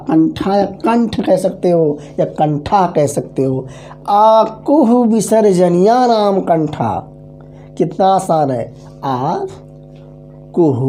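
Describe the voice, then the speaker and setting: A man delivers an online exam-prep grammar lesson in a mellow, unhurried voice. He chants syllables and memory formulas over and over and keeps pausing to make sure his students follow. Faint music sits under his voice. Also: high-pitched. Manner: drills syllables slowly, keeps checking understanding; repeats mnemonic formulas aloud. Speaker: teacher.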